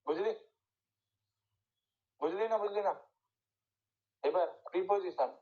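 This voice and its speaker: A man's voice: sits high, slow pace, dull audio. A male teacher giving a lecture to his students, repeating points and checking often that they understood. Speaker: English teacher.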